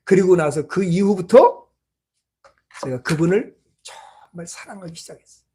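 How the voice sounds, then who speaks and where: Husky-voiced pastor telling a story in a sermon. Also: medium pitch, animated, moderate pace. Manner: storytelling preaching, swinging between loud exclamations and hushed asides. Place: small church.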